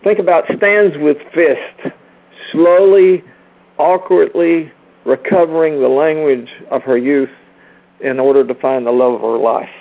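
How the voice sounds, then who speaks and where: In narrow, tinny audio, a man with a slightly high, steady voice teaches a group at a somewhat slow pace. His spiritual lecture is sermon-like, emphatic and rhetorical, full of repeated phrases and direct address to listeners.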